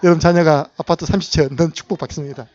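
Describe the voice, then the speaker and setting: A man's voice: on the high side, fairly even intonation, very fast, darkish tone, highs cut off. A male pastor preaching a sermon, asking the congregation questions and acting out short dialogues.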